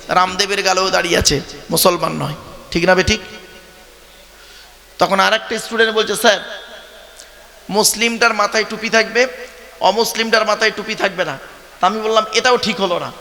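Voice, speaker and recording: Preacher guy, high ringy voice, quizzing the crowd, lots of long echo. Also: bright, forceful tone. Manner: conversational, quizzes the crowd directly. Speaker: Islamic preacher. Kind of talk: sermon at a religious gathering. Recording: long reverb of a large venue.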